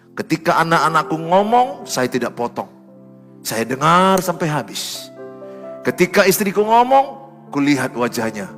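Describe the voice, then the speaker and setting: A middle-aged male pastor preaching a sermon, swinging between loud urgent exhortation and soft, confiding asides. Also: fairly high pitch.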